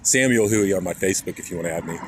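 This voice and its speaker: A man's voice: low voice, animated, fairly quick. A man from Kansas rambling casually on a live stream, chatting to viewers and reading out chat as he talks, recorded on a phone outdoors near traffic. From Kansas, USA. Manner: rambling, jokey, reads chat aloud. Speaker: IRL streamer. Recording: phone recording with clear traffic noise outside.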